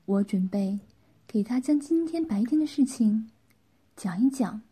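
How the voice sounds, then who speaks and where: Woman whispering a story slowly. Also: fairly high pitch, expressive, slightly rough. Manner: hushed, intimate. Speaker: story reader. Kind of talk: whispered role-play narration.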